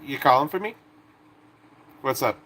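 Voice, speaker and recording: A late-twenties man streams live, chatting in a loose, joking way that frequently breaks off and picks up again. His medium-pitched voice has lively intonation, a measured pace and a fairly bright tone.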